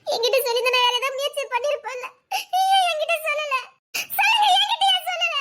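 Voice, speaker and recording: A woman's voice: very high-pitched, lively intonation, fairly quick, heavy background noise. An actress playing a heartbroken young pregnant wife with a Tirunelveli Tamil accent, sobbing and laughing through tears as she accuses her husband. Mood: distraught. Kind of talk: TV serial acting.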